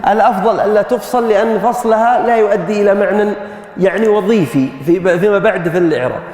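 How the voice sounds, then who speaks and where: A man's voice: high voice, fast, a little mellow. A middle-aged man, a grammar professor giving a classroom lecture and quizzing his students in call-and-response drills. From Saudi Arabia. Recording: echoey lecture hall.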